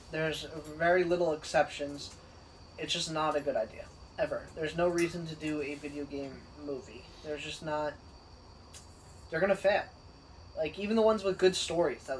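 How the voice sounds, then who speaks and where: Laid-back podcast co-host, higher male voice. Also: normal speed, slight background noise, low-quality recording. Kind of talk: casual chat.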